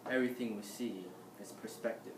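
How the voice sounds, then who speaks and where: A young man playing a solemn male audience member asking a slow question in a class-project mock debate. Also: on the low side, fairly even intonation, natural voice. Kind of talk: amateur class-project role-play. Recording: echoey room, mic far off, noisy.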